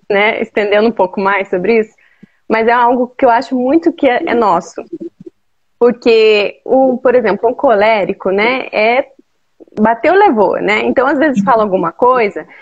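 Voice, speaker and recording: A woman from Brazil joins a live chat as a guest, explaining her ideas in a fairly high voice. Her audio is dry and muffled, like a remote call. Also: dry recording. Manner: explanatory, with frequent "né?".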